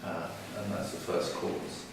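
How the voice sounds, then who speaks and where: A man's voice: sits low, level tone, unhurried, gravelly, noisy background. A man teaching a religious story in a casual, humorous way as a lecture. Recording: echoey room, far from mic.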